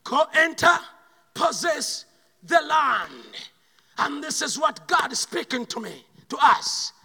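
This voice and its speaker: High, bright Ugandan preacher in a reverberant hall. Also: male voice, big pitch swings, creaky. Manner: swings between loud shouted bursts and quiet slow asides. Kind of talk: sermon.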